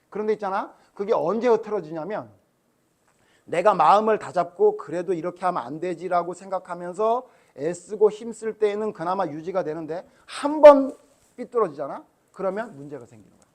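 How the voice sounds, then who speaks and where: A male pastor giving a Sunday school sermon to children, chatting with them and quizzing them with questions. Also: high voice.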